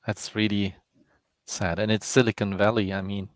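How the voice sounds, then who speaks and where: Woman host with a really low voice, dry close sound, sympathetic, stumbles a bit. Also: flat delivery, normal speed, no room sound.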